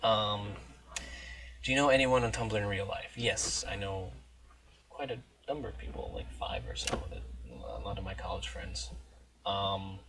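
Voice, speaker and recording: A man's voice: fairly low pitch, lively intonation, measured pace, fairly bright tone, recorded from a distance, rough recording. A young adult American man from New Jersey chatting casually, rambling and interrupting himself, with some offhand swearing. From New Jersey, United States. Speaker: blogger recording an accent challenge.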